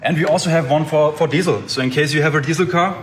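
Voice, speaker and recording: A man's voice: a little high, fast, a little hiss or hum. A man representing an oil company, explaining a product with a hesitant, um-filled delivery. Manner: explanatory, hesitant with many ums.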